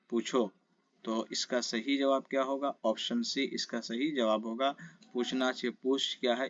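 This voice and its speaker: A man's voice: medium pitch, dry recording, dull audio. A man teaching a grammar lesson for exam prep. He reads out quiz questions, answers them himself and keeps checking in with his listeners.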